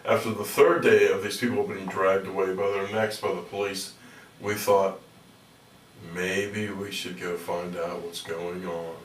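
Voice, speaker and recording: A middle-aged American man speaks as a guest in a conversational interview. His voice is low with little melody, and he rambles haltingly with dry humor. He sounds distant from the mic in an echoey room. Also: level tone, a little hiss or hum. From Pittsburgh, United States. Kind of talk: conversational radio interview storytelling.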